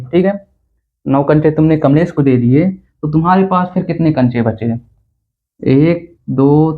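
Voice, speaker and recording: A man teaching simple subtraction in a friendly, joking classroom manner, keeps asking if the students follow. His voice sits fairly high for a man. The sound is thin and tinny, like a phone line. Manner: chatty, teasing, repeats "theek hai na" to check understanding. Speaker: math teacher. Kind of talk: classroom math lesson.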